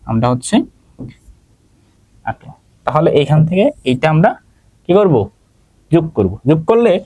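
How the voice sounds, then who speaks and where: A male math teacher with a Bangladeshi Bengali accent leads an online geometry class, checking in with students by name. His fairly high, darkish voice constantly asks "ঠিক আছে?" and he poses questions then answers them himself. The recording is dry.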